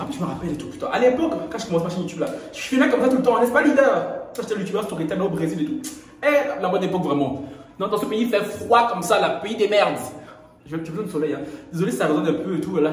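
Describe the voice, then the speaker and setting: A young man with a high voice chats in a gossip vlog, playful and quick to laugh, his pitch leaping around as he talks. He records himself on a phone in his bathroom, and the hard walls make the sound ring with heavy echo. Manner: playful, laughing often, animated swings in pitch. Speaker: gossip YouTuber. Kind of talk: casual vlog chat. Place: echoey bathroom at home. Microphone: camera or phone while doing skincare. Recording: very echoey room.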